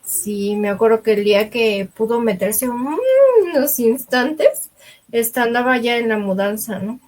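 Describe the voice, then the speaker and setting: A woman hosting a live stream in casual chat, softly agreeing and reading out viewer comments. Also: fairly high pitch, a little slow, low-quality recording. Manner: soft, agreeable, frequent affirmations.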